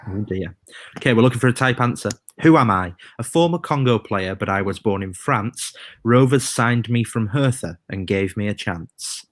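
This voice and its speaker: A man hosts a live quiz, his voice sitting on the lower side. He reads the rhyming clues slowly and chats easily in between. The sound is dry and close. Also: animated, no echo. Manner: reads quiz rhymes slowly, chatty asides. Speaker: quiz host. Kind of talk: live stream quiz hosting.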